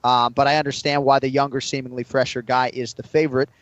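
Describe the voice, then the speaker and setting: A man hosting a casual sports podcast, relaxed, reading out betting odds and swearing now and then. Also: medium pitch, fast, dry recording, highs cut off. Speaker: podcast host.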